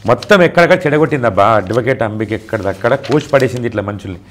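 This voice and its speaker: A man's voice: medium pitch, lively intonation. A man in an interview recounting events at length, insistent and repetitive, often quoting what others said. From Telugu-speaking India. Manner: fast, insistent, repeats points and quotes others. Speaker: interviewee making allegations.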